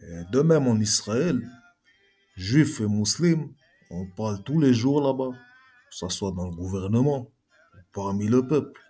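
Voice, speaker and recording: A man's voice: lowish voice, animated, a little slow, warm tone, husky, faint music behind. A man giving an argumentative reply monologue to a video blogger, speaking combatively and straight at his critic. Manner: combative, addresses critic directly.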